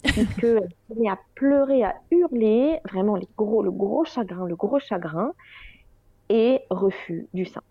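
A woman's voice: medium pitch, expressive, measured pace, husky, dry recording. A woman in her thirties, a guest in an interview, talking candidly with many hesitations and wry self-mocking humor. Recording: slightly dull dry recording.

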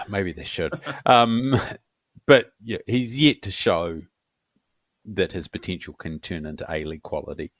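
A man co-hosting a casual football podcast, talking in a relaxed, meandering way with fillers. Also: sits low, measured pace, dry recording, studio quality. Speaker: podcast co-host. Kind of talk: casual sports podcast chat.

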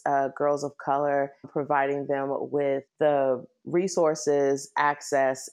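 A middle-aged woman speaks in a low register with a clear Washington, DC accent. She talks about herself in a conversational way, as a guest being interviewed. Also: darkish tone. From Washington, DC, United States. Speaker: interview guest, nonprofit executive. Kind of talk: conversational personal storytelling in an interview.

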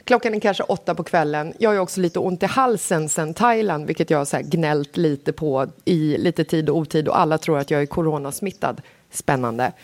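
A woman co-hosting a podcast in casual chat, dramatic and expressive as she tells a story. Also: sits low. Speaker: podcast co-host.

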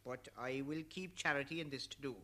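A man's voice: mid-range voice, fairly quick, close to an everyday voice. An actor playing Noah, a weary old man and bossy husband, declaiming old verse. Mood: quarrelsome. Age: older. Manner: declaiming verse, grumbling then shouting. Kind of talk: old-style verse play.

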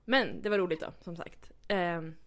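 Chatty young woman telling stories. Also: fairly low pitch. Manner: chatty storytelling, acts out quotes, many fillers. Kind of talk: casual chat.

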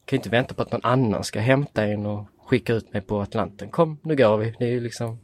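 With a fairly low pitch, a man in his late twenties tells a story as a podcast guest, keeping it lively and casual while acting out the quoted dialogue.

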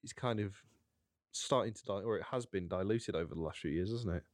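A man co-hosting a podcast, talking casually with lots of restarts and thinking out loud. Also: deep voice, brisk, dry recording, clean studio sound. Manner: talkative, thinks aloud with many restarts. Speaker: podcast co-host. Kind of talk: casual chat.

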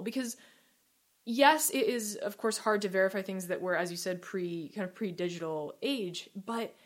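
A woman podcast host from Morocco, speaking reflectively and repeating words as she starts her thoughts. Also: mid-range voice. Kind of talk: podcast interview.

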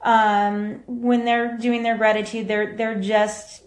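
A woman's voice: on the high side, level tone, slow pace. A woman hosting a casual live video as a mom coach, chatting with viewers and reacting to their comments, recorded in an echoey room. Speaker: podcast host and mom coach.

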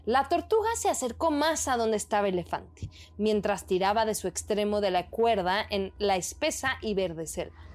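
A woman narrating a children's fable in a lively, expressive storytelling manner. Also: mid-range voice, normal speed.

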